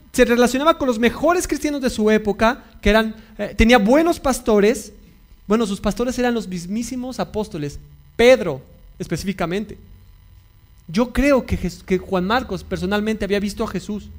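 A male pastor preaching a sermon, repeating key phrases and putting questions to his congregation. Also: high voice.

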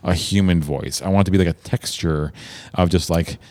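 A man's voice: deep voice, steady tone, moderate pace, dark tone, dry recording. A young man co-hosting a casual podcast, cracking dry jokes and chiming in with short replies. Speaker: podcast co-host. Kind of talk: casual chat.

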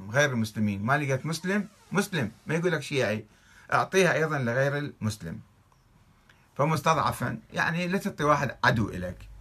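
A man with an Iraqi Arabic accent talks at a quick clip, reading out religious texts and pulling them apart. His voice is husky and bright-edged, and he argues hard, throwing out one rhetorical question after another. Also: medium pitch. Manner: argumentative, fires off rhetorical questions. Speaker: religious commentator.

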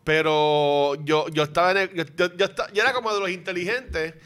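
A man's voice: high voice, fairly quick, a bit bright, smooth. A man with a Puerto Rican accent in a casual chat, teasing and rambling.

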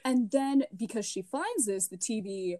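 A woman's voice: fairly high pitch, animated, a little slow, mellow. A woman co-hosting a casual film review podcast, adding joking, sarcastic asides. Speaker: podcast co-host.

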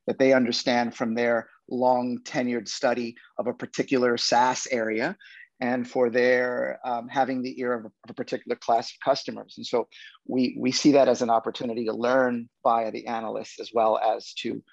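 A man speaking as a startup executive on a business panel, in halting tech-bro jargon with repeated words. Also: mid-range voice, level tone, vocal fry, dry recording, highs cut off. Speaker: startup executive, interview guest.

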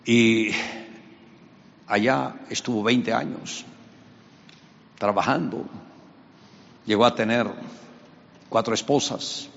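A man's voice: medium pitch, steady tone, takes it slowly, gravelly, long pauses, a bit bright, muffled recording, slight background noise. A man preaching, retelling a story dramatically and voicing its characters. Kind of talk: sermon storytelling.

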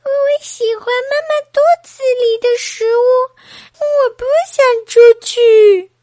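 A woman doing a high, whiny unborn baby. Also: lively intonation, a little slow, no echo, clean studio sound. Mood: stubborn whine. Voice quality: high, babyish whine.

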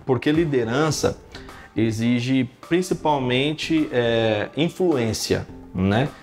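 Over faint music, a pastor in his thirties speaks slowly in a mid-range voice. He's telling animated stories in a laid-back podcast chat, leaning constantly on the fillers "cara" and "né".

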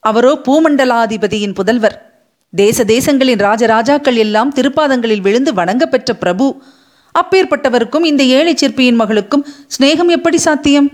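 A woman's voice: high-pitched, pitched above the performer's own voice, natural voice. A woman voicing a proud young female court dancer who speaks in a hurt, indignant and tearful way, in an audiobook. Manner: tearful, indignant, speaking through a third party. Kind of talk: audiobook character voice.

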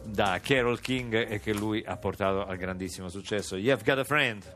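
A man's voice: on the low side, moderate pace, over music. A man hosting a radio show in casual, bantering chat. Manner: bantering, reads out listeners' dialect sayings.

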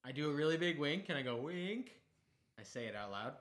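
A man's voice: on the high side, lively intonation, racing, fairly bright tone. A man playing a tabletop game, joking and laughing casually with the group. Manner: jokey, laughing. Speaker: player. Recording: echoey room.

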